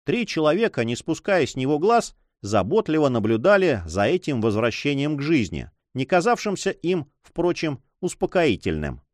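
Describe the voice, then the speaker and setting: A man narrating an audiobook story in an expressive storytelling manner. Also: fairly high pitch, moderate pace, hardly any pauses, dry recording, studio quality. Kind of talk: scripted narration.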